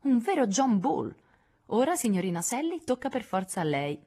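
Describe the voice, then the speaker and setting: A woman's voice: on the high side, big pitch swings, moderate pace, mellow, voice pushed up. Woman reading a mischievous, teasing young man in a storybook.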